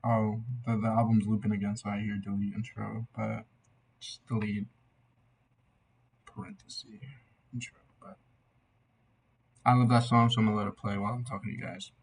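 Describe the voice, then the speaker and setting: A young man giving a casual, tipsy album reaction in a loose, meandering, slightly husky way. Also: lowish voice, little pitch movement, fast, low-quality recording. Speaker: amateur music reviewer.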